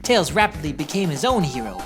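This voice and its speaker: A woman's voice: sits low, big pitch swings, fairly quick, music in the background. A woman voicing a young male hedgehog hero, narrating a scripted recap of his backstory matter-of-factly with wry asides.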